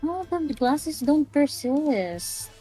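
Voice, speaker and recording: A woman's voice: high-pitched, sing-song, takes it slowly, mellow, soft background music. A woman chatting casually and playfully while gaming with friends.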